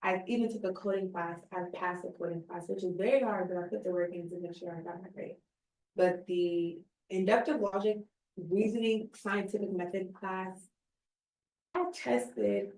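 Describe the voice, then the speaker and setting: In a relaxed conversation, a woman in her twenties who recently graduated from college speaks sincerely and expressively in a mid-range, slightly mellow voice. The mic sits somewhat far away, giving the sound a roomy quality.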